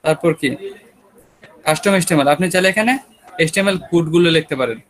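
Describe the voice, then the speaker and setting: Brisk Bangladeshi man teaching web class. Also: a little high, a bit bright, low-quality recording. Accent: Bangladeshi Bengali. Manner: casual, talks students through screen steps with checking questions. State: sore throat. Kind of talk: online class lecture.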